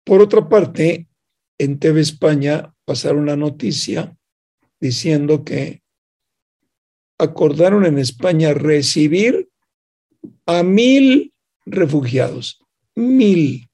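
A man's voice: on the high side, slow pace, pauses often, mellow. A man hosts a reflective radio talk, retelling a news story and voicing both sides of its dialogue. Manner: asks rhetorical questions of the listener. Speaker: radio program host.

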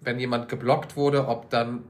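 A man's voice: medium pitch, level tone, moderate pace. Young man, crude joking banter. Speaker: podcast co-host. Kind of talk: casual chat.

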